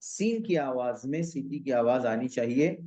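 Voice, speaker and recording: A man teaching Quran recitation, modelling drawn-out words and then patiently explaining common mistakes. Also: mid-range voice, animated, mellow, poor audio. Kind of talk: slow tajweed lesson.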